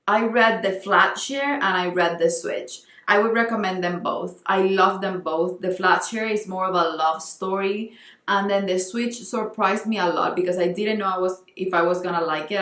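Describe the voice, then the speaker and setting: A woman's voice: fairly low pitch, a bit bright, echoey room. A young Colombian woman with a Spanish accent, talking earnestly in a casual book vlog and often restarting as she searches for words. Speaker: book vlogger.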